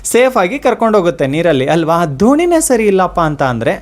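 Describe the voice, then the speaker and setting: A man's voice: high-pitched, big pitch swings. A man giving an earnest devotional motivational talk. He speaks directly to his listeners and repeats his points. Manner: slows to a soft chant for prayers.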